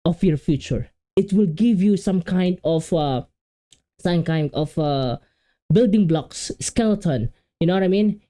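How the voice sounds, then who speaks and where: Casually reacting on video, this man from the Philippines, a native Filipino speaker with a Filipino accent, rambles and keeps restarting and repeating words. His voice is high-sitting and mellow.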